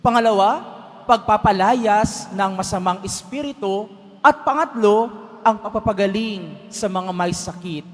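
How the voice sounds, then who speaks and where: A man's voice: high voice, unhurried. A man, a priest, giving a homily at Mass, telling a story and asking the congregation to answer back. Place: large church. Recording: long church reverb.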